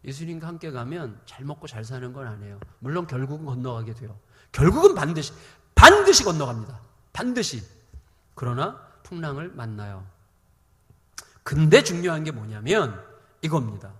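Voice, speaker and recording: A man preaching a sermon as pastor, animated and humorous, acting out the voices he quotes. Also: mid-range voice, moderate pace, big-room sound.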